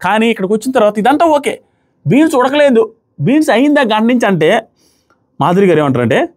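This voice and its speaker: Fast-talking animated male reviewer. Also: sits high. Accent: Telugu. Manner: animated, acts out quoted lines in shifting voices. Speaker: reality show reviewer. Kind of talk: casual commentary recapping with quoted dialogue.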